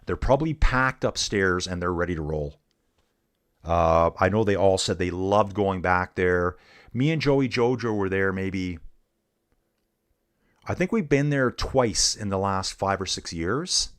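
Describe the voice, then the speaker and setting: This middle-aged man has a deep voice with lively intonation and a measured pace. Casually commentating on a live bike race, he stays relaxed, reads viewers' chat aloud, talks with them, and says "dude" frequently.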